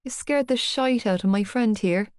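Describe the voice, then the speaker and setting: A woman voicing a big, teasing teenage boy, speaking in a lowered, soft and amused tone. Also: normal speed, smooth, no room sound, studio quality, close to an everyday voice.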